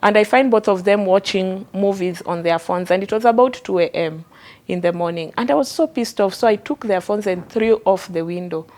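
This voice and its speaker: Woman chatting on a talk show, lively storytelling, lots of you know and like. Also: mid-range voice, moderate pace. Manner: animated, chatty, with frequent fillers. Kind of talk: candid personal storytelling.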